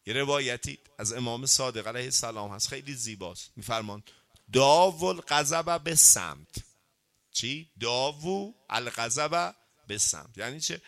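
A man giving a sermon, lively and conversational, asking his listeners questions and reciting Arabic sayings slowly before he explains them. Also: mid-range voice. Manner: lively, questions the audience and urges answers. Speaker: cleric giving a religious talk.

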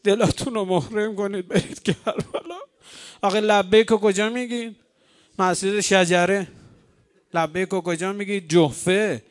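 A man's voice: high-pitched, steady tone. A man preaching a mourning sermon, telling a story to a gathered congregation. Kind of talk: mourning sermon with chanted lament.

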